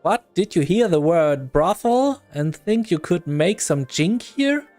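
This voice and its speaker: A man voicing a hostile, sharp-tongued young woman rogue who spits scornful insults at everyone. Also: sits high, expressive, a little slow, faint music behind.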